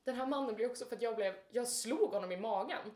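A woman co-hosting a podcast, telling stories in a casual, animated way and acting out quotes. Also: a little high, echoey room. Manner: animated, laughing, acts out quotes. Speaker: podcast co-host. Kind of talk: casual chat, storytelling.

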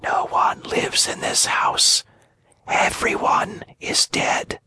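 A man's voice: takes it slowly, pushed and bright. A man voicing a pale, deathly maiden who speaks in a faint whisper. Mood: ghostly. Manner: barely audible whisper. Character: dead pale girl with azure hair, faint.

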